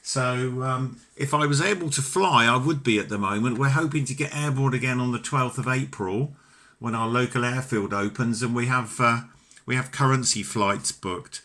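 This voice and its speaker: Talking at a moderate pace in a mid-range voice that sounds pushed and bright, a British man chats on amateur radio from his home ham station. He comes across as enthusiastic, courteous and talkative in the conversational exchange.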